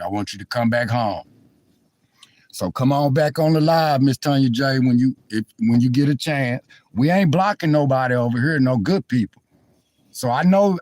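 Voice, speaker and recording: A man's voice: mid-range voice, a little mellow, no echo. Rambling heartfelt man on a dry phone mic. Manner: rambling, heartfelt, apologetic, talks straight to chat. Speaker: live-stream vlogger. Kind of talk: casual live-stream chat. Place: car in cold weather.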